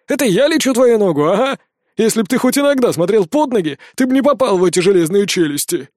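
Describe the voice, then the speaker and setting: A short red-bearded old dwarf needles his friend in a high, almost tenor voice, as a man plays him. The tone is mocking and grumbling, and the sound is dry and close. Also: lively intonation, fast, a little mellow, dry recording. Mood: mocking banter.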